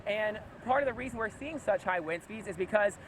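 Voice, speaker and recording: A man with a high-pitched, animated voice reports live and unscripted from outdoors beside a flooded road during a hurricane, raising his voice over the wind. He speaks fairly quickly.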